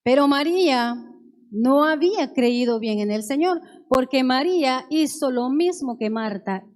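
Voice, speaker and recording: A woman's voice: on the high side, a little mellow. A woman preacher in church, reading Bible verses aloud one by one and then explaining them earnestly.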